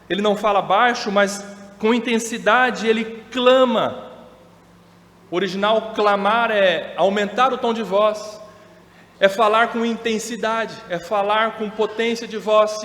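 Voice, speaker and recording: A Brazilian man preaching a sermon as pastor, measured and emphatic, slowing down to stress quoted words. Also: high voice, fairly even intonation, a bit bright. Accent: Brazilian Portuguese. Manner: measured, emphatic preaching with slow drawn-out quotations. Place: church hall. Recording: echoey church hall.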